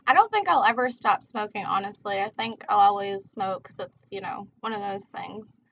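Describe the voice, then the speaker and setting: A woman's voice: mid-range voice, normal speed, vocal fry, a bit bright, husky. A woman chatting casually on a livestream as a tarot reader, rambling in a laid-back, slangy way while she smokes. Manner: smoking while talking. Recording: dull, muffled lo-fi livestream audio.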